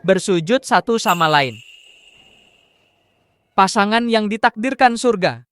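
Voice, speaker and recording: A high-voiced court herald. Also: male voice, lively intonation, measured pace, fairly bright tone, clear, resonant tone. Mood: ceremonial. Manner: formal, proclaiming. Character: court eunuch herald, formal and ceremonial. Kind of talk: Indonesian drama dub.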